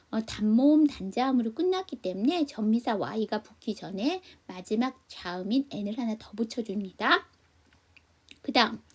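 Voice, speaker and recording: A woman's voice: sits high, darkish tone. A woman teaching an English class online, explaining step by step and answering her own questions to the class.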